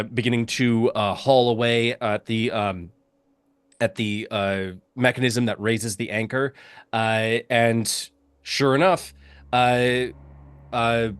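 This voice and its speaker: A man narrating a tabletop game as game master, speaking haltingly and searching for words. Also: medium pitch, fairly bright tone, clear, resonant tone, no echo. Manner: halting, full of fillers and restarts.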